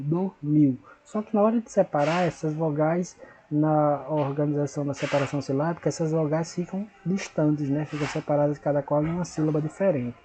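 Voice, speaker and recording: In a recorded lesson, a man teaches patiently and repetitively, slowly spelling out syllables and checking in with his pupils. His voice is a little high and mellow, and the audio quality is poor.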